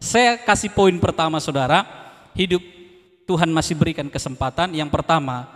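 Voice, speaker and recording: A man preaching a sermon as an evangelist. He swings from soft, low pleading to loud, high exhortation and calls on the congregation to respond. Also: normal speed. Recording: long hall reverb.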